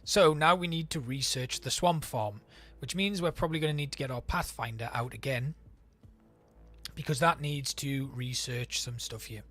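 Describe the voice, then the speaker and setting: A man's voice: medium pitch, moderate pace, a bit bright, faint music behind. A man streaming a city-building game, chatting and thinking aloud as he plays. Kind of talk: let's play commentary.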